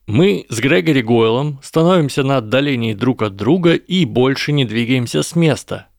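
A man's voice: medium pitch, expressive, normal speed, gravelly, dry recording, clean studio sound, voice pushed up. A man voicing a clever, calculating boy wizard who talks in an urgent, persuasive way in a read-aloud story. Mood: announcing.

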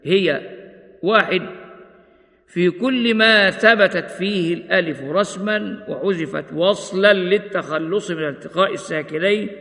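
A man teaching a tajweed lesson, explaining rules in a measured way and slowing down to recite examples. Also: high voice, creaky, sharp tone. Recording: long hall reverb.

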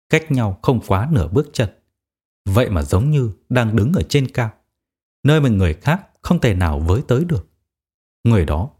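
A man narrating an audiobook in a steady, dramatic storytelling manner. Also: medium pitch, slightly rough.

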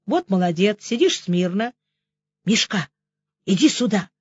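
A woman voicing a calm male police major in an audiobook, speaking quietly and steadily. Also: mid-range voice, unhurried, slightly rough, no echo, lo-fi sound. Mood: quiet, steadying.

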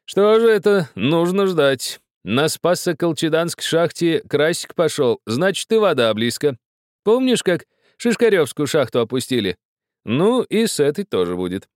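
Man putting on a cheerful old dandy, high voice, loud, teasing, laughing, dry sound. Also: sing-song, moderate pace, no room sound. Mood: jovial. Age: older. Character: cheerful old dandy mine manager, joking.

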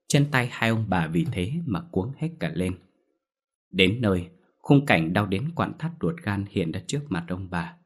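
Deep, husky male ghost-story narrator. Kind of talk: scripted horror story narration.

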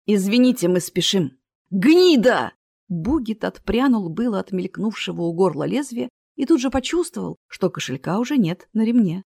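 A woman's voice: medium pitch, expressive, moderate pace, creaky, hardly any pauses, dark tone, husky, no echo. Woman narrator for fantasy audiobook, dry close-miked sound.

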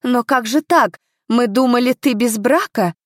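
A woman voicing a haughty, contemptuous young aristocratic woman who shouts her accusations. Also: a little high, measured pace, dry recording, clean studio sound, pitched above the performer's own voice. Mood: stunned.

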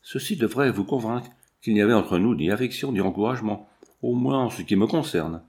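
A man reading the lines of a proud, sharp-tongued young English lady in a cool, ironic, measured way. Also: fairly low pitch, natural voice.

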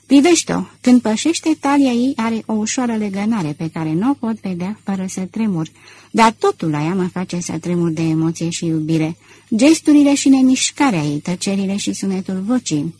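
A woman voicing a passionate, anxious middle-aged gentleman thief, with a husky voice. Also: mid-range voice, lively intonation, lightly acted. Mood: tender, ardent. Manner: earnest, brooding, heartfelt.

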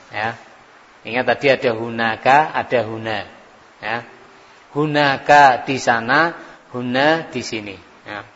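Give me a man teaching an Arabic textbook lesson, reading very slowly and repeating each phrase as he translates it. His voice sits at an ordinary middle pitch. It echoes through a long hall, heard on a dull recording with a faint hiss. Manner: slow, repeats words to translate. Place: study hall.

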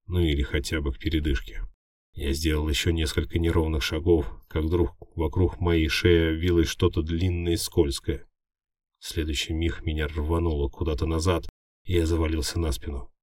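A man reading a first-person fantasy audiobook in a measured, wry manner. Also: extremely low pitch, little pitch movement, darkish tone, no room sound, studio quality, far from the mic. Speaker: audiobook narrator.

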